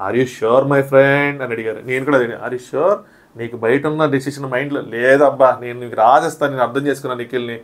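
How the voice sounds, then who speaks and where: A man giving a quick, animated review of a reality show, acting out what the contestants said. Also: mid-range voice. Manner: animated, re-enacts contestants' quotes. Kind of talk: fast recap commentary.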